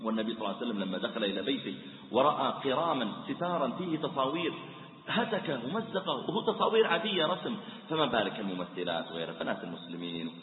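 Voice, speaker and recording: A man preaching a sermon, animated as he tells stories and mimics the people in them. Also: medium pitch, very fast, a little hiss or hum. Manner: animated storyteller, mimics the voices in his stories. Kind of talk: sermon with acted-out anecdotes. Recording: roomy hall, phone-like thin sound.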